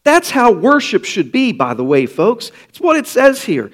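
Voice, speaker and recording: A man preaching a sermon to his congregation, slow and emphatic with dramatic pauses. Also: very high voice, huge pitch swings. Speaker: pastor.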